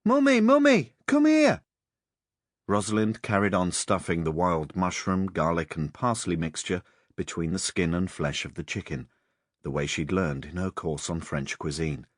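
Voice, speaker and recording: A man narrating a crime novel audiobook in a measured, expressive storytelling manner. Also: low-pitched, no echo, studio quality.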